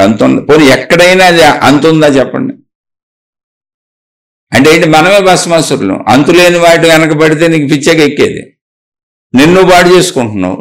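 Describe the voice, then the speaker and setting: A man's voice: medium pitch, gravelly, poor audio. A man giving a spiritual discourse, firing off rhetorical questions and scolding his listeners. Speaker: spiritual teacher.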